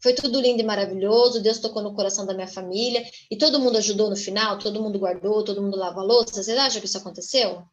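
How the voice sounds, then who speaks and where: A woman with a Brazilian Portuguese accent giving a church testimony, telling her story in a lively, animated way and often calling out to the audience. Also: medium pitch, very fast, few pauses, dull audio. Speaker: guest speaker giving a testimony.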